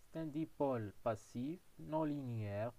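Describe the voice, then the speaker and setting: A physics teacher, giving a classroom lesson and explaining step by step, often saying "donc" and "voilà". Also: male voice, medium pitch, measured pace, mellow, no echo. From Morocco.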